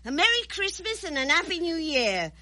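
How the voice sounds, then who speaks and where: A woman's voice: very high-pitched, big pitch swings, normal speed, pushed and bright, full character voice. An actress playing a tart, indignant working-class Victorian mother in an emphatic old radio drama style. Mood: indignant, sarcastic.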